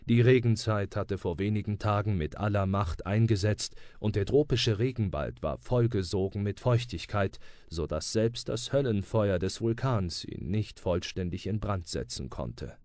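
A man narrating an adventure audiobook with steady, dramatic storytelling. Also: lowish voice, normal speed, few pauses, dry recording, studio quality. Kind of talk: audiobook reading.

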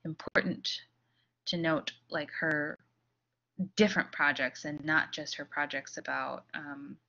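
A woman's voice: low-pitched, steady tone, unhurried, gravelly, pushed and bright. A woman giving a recorded lecture, talking loosely with many fillers and restarts. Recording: slightly dull audio.

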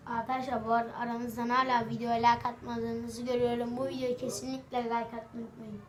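A woman's voice: a little high, level tone, fast. A woman chatting casually as co-host of a reaction challenge video. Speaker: co-host of a try-not-to-laugh challenge. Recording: echoey room, clear background noise.

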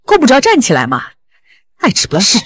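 A woman's voice: a little high, wildly swooping pitch, brisk, no room sound. An actress playing a curt, scolding mother who favors her son over her daughter.

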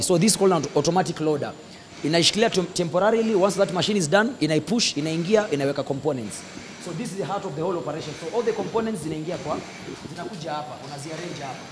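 A man's voice: on the high side, slight background noise. A man in his forties with a Kenyan accent, showing visitors around an electronics factory and explaining the machines in a casual mix of Swahili and English. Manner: mixes Swahili and English, points and gestures while explaining. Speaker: factory guide. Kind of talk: casual guided tour explanation. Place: large indoor electronics factory floor. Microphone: handheld mic held by interviewer.

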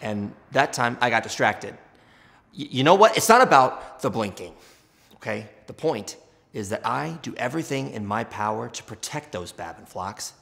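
An actor playing a paranoid, dim-witted bodyguard in a scripted comedy, speaking with solemn, defensive earnestness. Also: male voice, on the low side, moderate pace, gravelly, a bit bright, big-room sound.

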